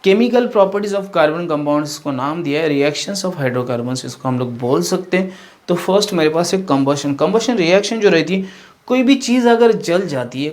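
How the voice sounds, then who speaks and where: A male science teacher who works through a chemistry lesson at the board, thinking aloud with fillers and self-corrections. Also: on the high side.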